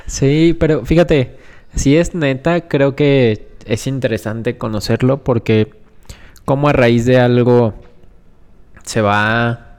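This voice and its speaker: A man's voice: mid-range voice, takes it slowly, darkish tone, clean tone, long reverb tail. A man from León with a central Mexican accent, talking through ideas in an easygoing, slangy way as a podcast co-host. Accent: central Mexican (Guanajuato). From León, Guanajuato, Mexico. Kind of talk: casual chat.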